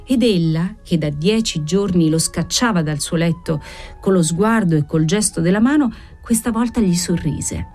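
A woman narrating a classic novel aloud in a measured, expressive reading. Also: lowish voice, faint music behind. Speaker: audiobook narrator.

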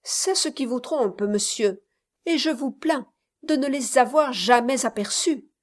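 A woman's voice: high voice, a little slow. A woman voicing a spirited, romantic young Scottish woman who speaks passionately and indignantly in a storybook reading.

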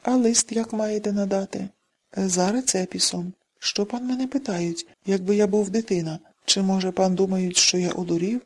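A man's voice: high-pitched, steady tone, normal speed, darkish tone. Woman reading as a sly, mocking servant.

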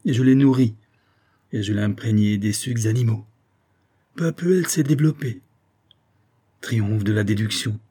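A man's voice: lowish voice, dark tone, slightly rough. A man reading aloud and voicing an obsessed male botanist who speaks in an exalted, declamatory way, rising to cries. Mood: feverish pride. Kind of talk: dramatic audiobook reading.

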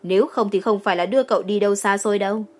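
A woman's voice: mid-range voice, fairly even intonation, racing, close to an everyday voice. A woman voicing a brash, cocky young policewoman in an audiobook.

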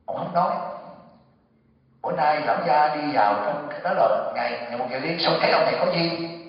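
A man's voice: on the high side, a little fast. A man giving a Buddhist dharma talk, telling a story in a conversational way with asides to the listeners. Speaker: Buddhist monk teacher. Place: temple hall. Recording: echoey hall from far off, dull.

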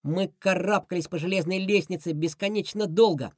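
A woman narrating a children's adventure audiobook in a lively, expressive way. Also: fairly low pitch, normal speed, no room sound, studio quality. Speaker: audiobook reader. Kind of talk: scripted storybook narration.

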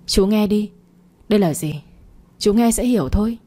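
A woman's voice: medium pitch, moderate pace, warm tone, natural voice. A woman voicing a bold young woman who speaks firmly and urgently in a storybook reading.

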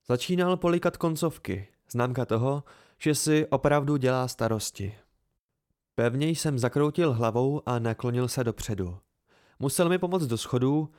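As an amateur audiobook reader, a man narrates a first-person fantasy novel in a measured, even storytelling manner. His voice is medium in pitch.

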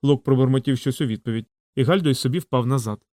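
A man narrating an audiobook in a measured storytelling voice. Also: mid-range voice, darkish tone, no room sound, clean studio sound. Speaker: audiobook reader. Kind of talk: scripted narration.

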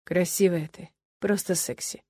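A woman reading a story aloud, voicing a pushy, rough young man with a hoarse, demanding growl. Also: on the low side, steady tone, a little slow, darkish tone, no room sound, studio quality, pitched below the performer's own voice. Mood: low coaxing. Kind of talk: audiobook narration with voiced characters.

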